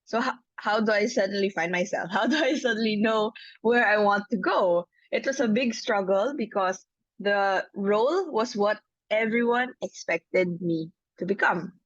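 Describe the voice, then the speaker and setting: A woman's voice: medium pitch, moderate pace, no room sound, highs cut off. A woman in her twenties with a Filipino accent, telling her personal story as a podcast guest. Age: 20s. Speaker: podcast guest, life coach.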